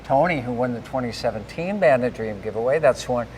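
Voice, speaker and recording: A man hosting a live giveaway stream, giving shout-outs and recapping in repeated announcer-like phrases. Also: medium pitch, expressive, a little fast. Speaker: host of a live giveaway show. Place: large garage with a stage. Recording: echoey hall with faint background noise.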